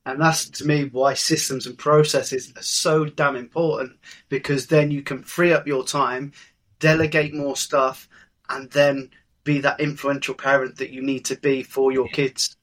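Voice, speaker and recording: A man hosting a podcast, asking questions in a relaxed, agreeable way. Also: medium pitch, measured pace. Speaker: podcast host. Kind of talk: conversational interview.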